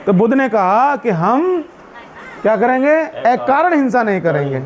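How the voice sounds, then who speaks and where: High-voiced man explaining to a gathering. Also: very animated, slight background noise. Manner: asks the audience questions and answers them himself; chants Pali verses slowly. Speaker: Buddhist speaker at a community meeting. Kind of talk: explanatory talk to a seated group.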